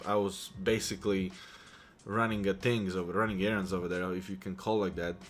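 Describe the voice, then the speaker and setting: Polish guy in his 30s rambling about his life to camera, lowish voice, bit of music under it. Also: fairly even intonation, brisk. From Poland. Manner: chatty, rambling, many restarts and fillers. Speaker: vlogger. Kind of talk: casual personal storytelling to camera.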